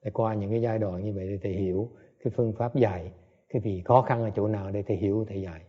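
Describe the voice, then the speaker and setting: A man's voice: fairly low pitch, steady tone, racing, breathy edge, dull audio. A man giving a dharma talk as a meditation teacher. He speaks bluntly, scolds his listeners and keeps checking in with them, translating himself as he goes. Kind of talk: dharma talk, self-interpreted.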